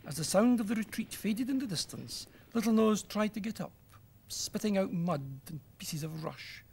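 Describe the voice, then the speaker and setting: Lively British man reading a children's story. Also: high voice, normal speed, gravelly, a little hiss or hum.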